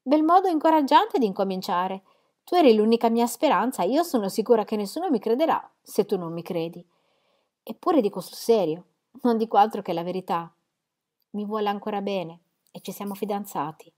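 A woman voicing a lively young woman confiding her engagement, frank and earnest. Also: medium pitch, fairly quick, close to an everyday voice. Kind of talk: audiobook character reading.

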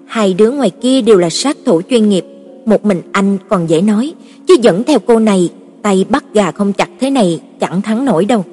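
A woman's voice: mid-range voice, expressive, slightly rough. A woman doing a crude, cursing male fighter. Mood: gruff. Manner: coarse, cursing, quick-tongued. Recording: reverberant, with soft background music.

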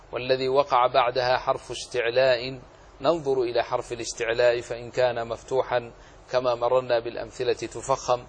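A man's voice: medium pitch, a little hiss or hum. A man giving a religious lesson, explaining recitation rules step by step, quoting verses and rephrasing them, and asking questions that he answers himself. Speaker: religious teacher.

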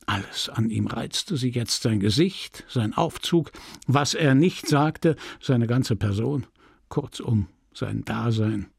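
Gravelly, husky male audiobook narrator. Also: lowish voice, dry recording, clean studio sound. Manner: measured, expressive storytelling. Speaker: audiobook reader. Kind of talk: literary audiobook reading.

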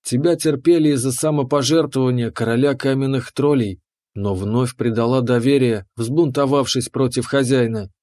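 A man voicing a devoted female lava dungeon keeper who speaks in a low, soft, purring, obedient way. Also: fairly even intonation, normal speed, dry recording, clean studio sound, natural voice. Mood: proud. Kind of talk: audiobook character voice.

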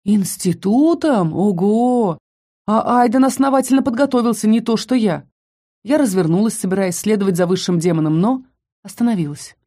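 Mellow woman narrating a fantasy audiobook. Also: mid-range voice, brisk. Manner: expressive, dramatic reading.

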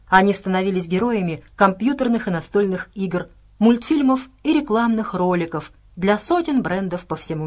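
In a medium pitch, a female narrator delivers an audiobook, her scripted reading calm and consistent throughout.

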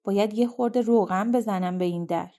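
A woman's voice: mid-range voice, dark tone, natural voice. A woman reading a storybook, voicing a bewildered man who mutters to himself and stammers when confused. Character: bewildered man waking from long sleep.

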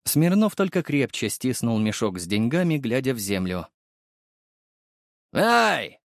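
Lively male audiobook narrator. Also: mid-range voice, moderate pace, no room sound, studio quality. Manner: lively storytelling, voicing characters. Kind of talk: first-person audiobook narration.

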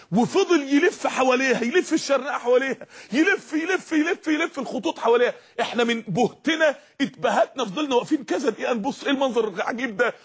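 Fast, high-pitched Egyptian preacher man. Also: slightly rough. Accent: Egyptian Arabic. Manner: impassioned, rhetorical, repetitive exhortation. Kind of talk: sermon.

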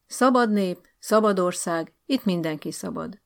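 A woman voicing a cautious, formal middle-aged male school director who speaks politely and placatingly, with a gravelly voice. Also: fairly low pitch.

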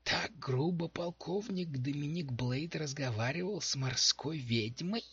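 A man's voice: on the high side, unhurried, a bit bright, husky, dry recording, pitched above the performer's own voice, exaggerated voice. A man reading aloud, voicing a cheeky little green goblin servant, heard in a dull lo-fi recording.

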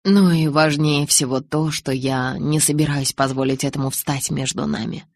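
A woman voicing a calm, tender young man with soft, restrained speech in an audiobook. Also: low voice, normal speed, dry recording. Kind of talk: audiobook character reading.

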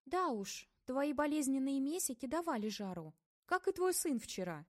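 A woman's voice: high-pitched, lively intonation, normal speed, darkish tone, no room sound. A woman voicing an outspoken young woman friend who talks in a brash, teasing way, in a dry room.

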